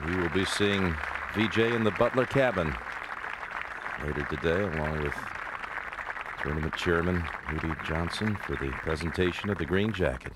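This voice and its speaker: A man giving unhurried, formal live golf commentary. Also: low voice. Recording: very noisy crowd-filled outdoor feed. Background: loud crowd.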